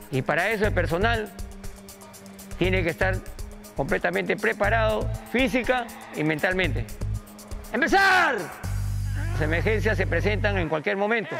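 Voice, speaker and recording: A man with a Peruvian accent, a firefighter and cooking vlogger, talking earnestly and haltingly, often repeating words as he searches for them. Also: sits high, vocal fry, a bit bright. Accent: Peruvian Spanish. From Peru. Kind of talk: interview and vlog talk.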